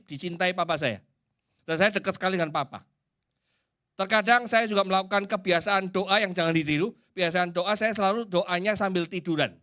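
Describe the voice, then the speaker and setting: A man with an Indonesian accent preaching a sermon in a church, swinging from loud and emphatic to hushed. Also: a little high.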